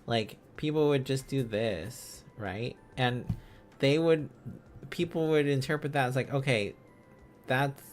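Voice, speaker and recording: Faint music plays behind this man as he learns Korean script on a live stream, speaking at an unhurried pace with a medium pitch. The lesson is casual. He thinks out loud, going over phrases and syllables again and again to figure out letters and words.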